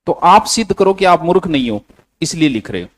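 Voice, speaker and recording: A man teaching a coaching class with a Rajasthani accent, his voice a little higher than usual. He dictates notes and lectures his students bluntly, scolding them in a plain classroom tone. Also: big pitch swings, fairly quick.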